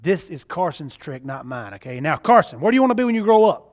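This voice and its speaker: A stage magician from Mississippi, with a Southern US accent, performs a live kids' show alongside a child volunteer, coaching the kid with showy, jokey party-magician patter. He talks fast, with a fairly high, very animated voice.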